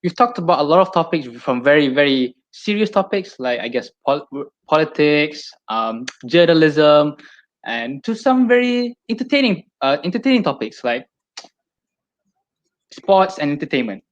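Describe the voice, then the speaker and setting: A young adult man with a Malaysian accent co-hosts a podcast in a casual chat, his fairly high voice lively in intonation and normal in speed. He often repeats his phrases, and the lo-fi audio sounds slightly dull.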